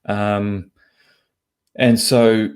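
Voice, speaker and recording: A very slow, low-pitched voice with little pitch movement belongs to a southern African man, an investment commentator being interviewed. He explains his opinions bluntly and casually, swearing as he goes.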